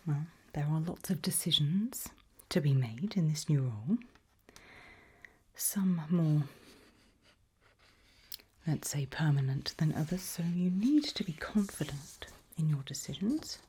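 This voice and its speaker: Playing a politely sinister HR interviewer for an evil organisation, a woman performs an animated ASMR roleplay. She stays calm, whispering and murmuring softly at a deliberate, paused pace, her breathy whisper sinking into soft low murmurs.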